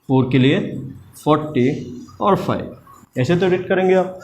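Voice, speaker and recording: A man's voice: a little high, darkish tone, slight background noise. A man teaching a maths lesson, patiently asking questions and answering them himself, repeating each step and mixing English terms into his talk. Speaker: maths tutor.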